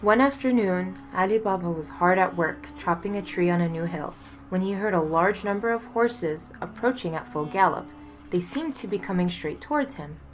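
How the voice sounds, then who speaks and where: A woman reading a folktale aloud in a measured, expressive storytelling manner. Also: on the low side, faint music behind.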